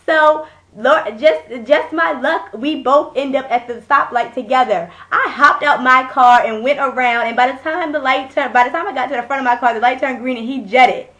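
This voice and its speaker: A hoarse young woman vlogging, telling a casual story in a blunt, animated way and swearing freely. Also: high-pitched, moderate pace.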